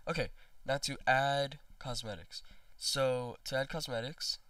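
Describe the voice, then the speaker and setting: Young male tutorial maker, congested and rambly, bright tone, dry sound a bit off mic. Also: mid-range voice, steady tone, a little slow, no room sound, distant mic. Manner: rambling, many ums and restarts. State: congested after being sick. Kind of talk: casual screen-recorded tutorial.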